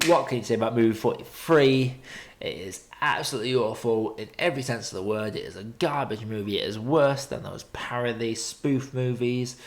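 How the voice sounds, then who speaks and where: A British man giving casual film review commentary as a streaming host, blunt and opinionated in colloquial language. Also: medium pitch.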